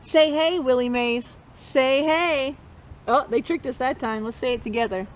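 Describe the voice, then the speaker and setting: Hosting storytime, a woman reads a picture book to children in an unhurried, high-pitched voice. She cheers the kids on and joins them in chanting, making the reading interactive.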